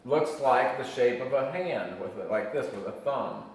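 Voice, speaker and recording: A man's voice: medium pitch, lively intonation, normal speed. An older man with an American accent, an old man casually telling childhood stories and explaining things simply in an interview. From Michigan, United States. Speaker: grandfather being interviewed. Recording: echoey room, distant mic, faint noise.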